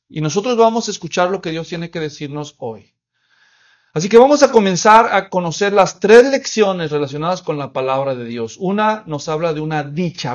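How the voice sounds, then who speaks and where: A man's voice: a little high, lo-fi sound. A man pastor preaching an expository sermon, asking the congregation questions and answering them, and acting out quoted voices in small scenes.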